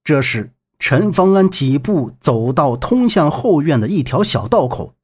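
Husky male audiobook narrator, high and lively, dramatic read. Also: unhurried. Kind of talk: serialized novel narration.

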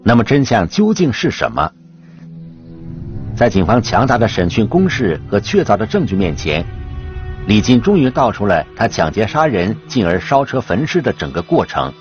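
Low-voiced male true crime narrator, very animated. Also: normal speed. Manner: dramatic storytelling with rhetorical questions. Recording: dull sound with music behind. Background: clear background music.

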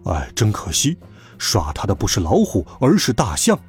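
A man voicing a calm, amused father in a lower, steady voice. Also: moderate pace, faint music behind. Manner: low, calm, chuckling.

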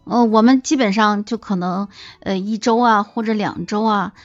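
A woman's voice: mid-range voice, normal speed, no echo, muffled recording, faint music behind. A woman guest on a podcast, chatting casually and telling playful, joking stories, acting out the lines of the people in them. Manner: lively, acts out quoted dialogue; playful, wisecracking. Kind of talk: casual storytelling chat.

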